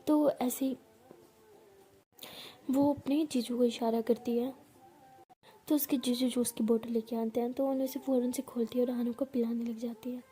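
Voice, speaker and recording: A woman narrating a love story in a chatty, casual way, often dropping into soft whispers. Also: a little high, steady tone, normal speed, pauses often, breathy edge.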